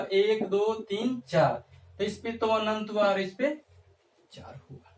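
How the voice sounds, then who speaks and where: High-voiced teacher in an echoey room. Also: male voice. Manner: asks the class rhetorical questions and answers them himself; repeats phrases, coaxing tone. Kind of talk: classroom math lesson at a board. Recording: echoey room, mic far off.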